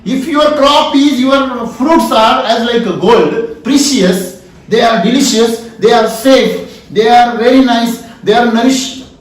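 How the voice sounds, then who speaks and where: A man's voice: extremely high pitch, slow pace, far from the mic. A man with an Indian English accent lecturing at a farming seminar, repeatedly asking the audience "yes or no?" and repeating his points. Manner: repetitive questioning, asks "yes or no?". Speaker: founder giving a farming seminar. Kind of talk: lecture with audience call-and-response. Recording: echoey room recorded from afar.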